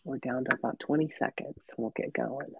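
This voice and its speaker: Over muffled, dry video-call audio with a noisy background, this woman hosts a casual interview chat for her podcast. Her extremely low, gravelly voice moves a little fast and sounds congested and nasal as she finishes recovering from covid, though she stays upbeat, chatty and full of ums.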